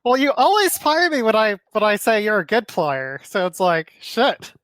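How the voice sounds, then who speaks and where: A man with a fairly high voice speaks hesitantly and wryly during an online game. His sound is dry and close, with no room in it. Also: big pitch swings, moderate pace, a bit bright, no room sound. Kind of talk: casual game chat.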